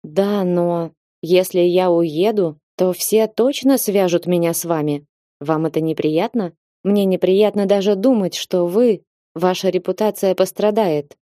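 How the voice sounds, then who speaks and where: A woman voicing a tired, proud young viscountess who speaks quietly and with restraint in an audiobook. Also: on the low side, fairly even intonation, a little slow, dry recording, studio quality, natural voice. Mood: weary.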